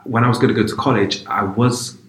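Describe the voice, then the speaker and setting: A man's voice: medium pitch, fairly even intonation, fairly quick, a bit bright. A man from Bristol, chatting casually and reflectively as an interview guest. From Bristol, England. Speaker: basketball player, interview guest. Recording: roomy, echoey sound.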